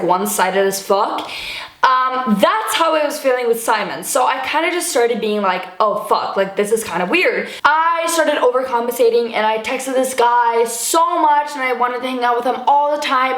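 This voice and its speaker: A young Swedish woman, a YouTuber, rambles through a casual storytime, her slightly high, fairly bright voice full of likes, fillers, and offhand swearing. The room adds a noticeable echo to the recording.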